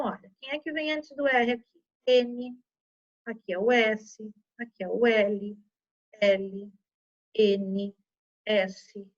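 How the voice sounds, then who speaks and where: A woman's voice: fairly high pitch, dull audio. A woman teaching children a lesson, patiently explaining step by step and checking in often. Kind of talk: online Portuguese lesson for children.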